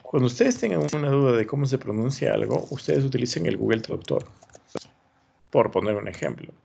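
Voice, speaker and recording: A man's voice: medium pitch, sing-song, fairly quick, creaky, mellow, slight background noise. A man teaching an online class, thinking aloud and encouraging as he reviews students' work. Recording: dull lo-fi sound.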